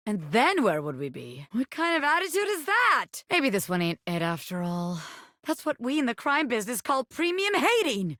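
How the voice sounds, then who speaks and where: A woman's voice: on the high side, a bit bright, dry recording, clean studio sound. A woman voicing a brash living bobby pin in a video game, a playful wannabe gangster who talks in cocky, teasing street slang. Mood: scornful, teasing. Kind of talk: video game character voice acting.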